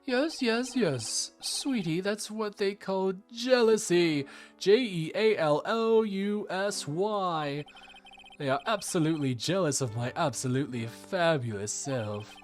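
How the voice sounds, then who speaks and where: A preening, vain stage magician, as a man puts him on for a game read-through, swooping high and low with every line. He talks in a theatrical sing-song and stretches his words out for show. Faint music plays underneath. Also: expressive, takes it slowly. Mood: gushing. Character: flamboyant vain male stage magician, young adult.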